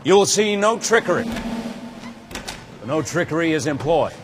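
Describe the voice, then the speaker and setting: A man's voice: a little high, lively intonation, unhurried, over loud music. An actor playing a showman magician who formally announces his act to an audience. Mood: grandly assuring. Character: showman magician, grand and reassuring. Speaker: stage magician addressing an audience. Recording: film clip with loud background noise.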